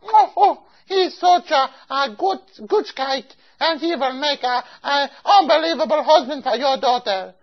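A woman's voice: high voice, unhurried, few pauses. A woman playing a fussy older customer and matchmaker who speaks broken English full of Yiddish words and keeps repeating herself. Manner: picky, insistent, repeats herself. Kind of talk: amateur comic storytelling skit. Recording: dull lo-fi recording.

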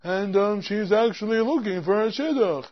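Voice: medium pitch, moderate pace, lightly acted. A performer playing an obliging small-town baker who keeps agreeing to every request. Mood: patient. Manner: agreeable, keeps saying no problem. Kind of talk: amateur comic storytelling skit. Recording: dull lo-fi recording.

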